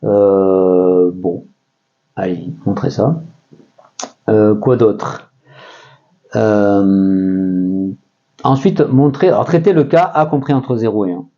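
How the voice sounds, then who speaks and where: A man with a French accent gives a relaxed math lesson at the board, speaking in a low, mellow voice full of fillers and quick checks like "okay?". The recording is a bit dull and lo-fi. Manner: casual, thinks aloud with many fillers and checks on listeners. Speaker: math teacher.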